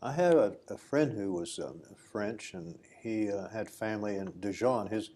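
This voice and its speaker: A man's voice: lowish voice, normal speed, mellow. An American man conducting an informal oral history interview in a folksy, chatty way.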